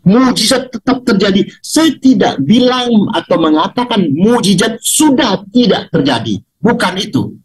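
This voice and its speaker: An older man preaches over a video call in a fairly high voice. He is animated, jumping up into loud, mocking highs and dropping into low, quiet asides. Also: normal speed, few pauses, slight background noise, poor audio. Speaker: pastor.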